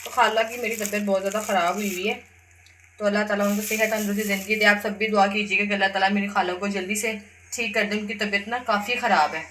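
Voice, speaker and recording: Bright-voiced chatty young mother. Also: medium pitch, steady tone, quick pace, slight background noise. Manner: chatty, rambling, talks to viewers directly. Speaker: mother and family vlogger. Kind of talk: casual vlog narration.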